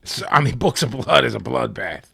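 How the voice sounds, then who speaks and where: A man's voice: mid-range voice, lively intonation, fairly quick, vocal fry, sharp tone, slightly rough, dry recording. A man with a Philadelphia accent hosting a podcast, chatting in a rambling, laid-back way and laughing often. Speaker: podcast host. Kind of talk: casual chat.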